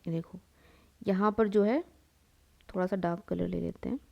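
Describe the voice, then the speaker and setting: A young woman with a creaky, low-ish voice lectures on biology at normal speed with fairly even intonation, and the audio is dull. She draws while explaining, questions her students and answers herself, says "beta," and drops English terms into Hindi.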